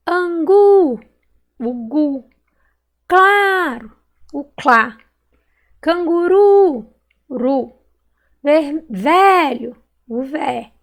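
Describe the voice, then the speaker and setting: Slow, patient high-voiced woman teacher. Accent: Brazilian Portuguese, Minas Gerais. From Brazil. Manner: slow and patient, stretching out words and syllables. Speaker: primary school teacher. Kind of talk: recorded online class correcting exercises.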